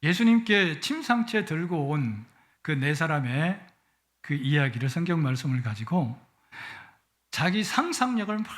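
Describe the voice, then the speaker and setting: A middle-aged man preaching a Sunday sermon in a church, with a playful manner that swells with emotion. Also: fairly high pitch. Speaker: guest pastor. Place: church sanctuary.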